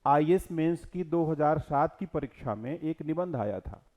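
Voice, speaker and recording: A man's voice: a little high, animated, normal speed, darkish tone. A middle-aged male teacher gives a classroom lecture, explaining verses line by line and answering his own questions.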